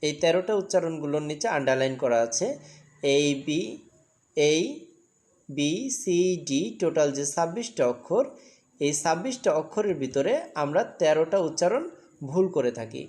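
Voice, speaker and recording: Woman teacher drilling children, slightly low voice. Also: normal speed, a little mellow. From Bangladesh. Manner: drills the class with repeated questions. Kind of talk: classroom lesson.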